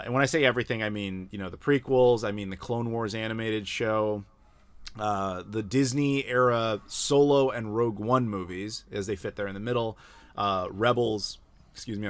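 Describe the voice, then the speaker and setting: A man's voice: lowish voice, a bit bright. A man hosting a podcast in casual chat, opinionated, often restarting his sentences. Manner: opinionated, frequent stammered restarts. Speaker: podcast host.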